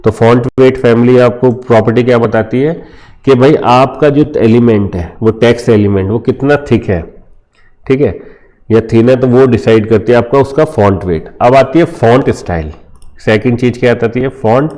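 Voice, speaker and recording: Mellow-voiced Indian man teaching code. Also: medium pitch, normal speed. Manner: informal, addresses viewers as friends, frequent "theek hai" fillers. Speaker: coding tutor. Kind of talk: screen-recorded coding lesson.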